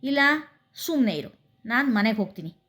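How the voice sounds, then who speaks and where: A woman's voice: a little high, expressive, normal speed, natural voice. A woman voicing a blunt young village woman who answers cool, offhand and defiant.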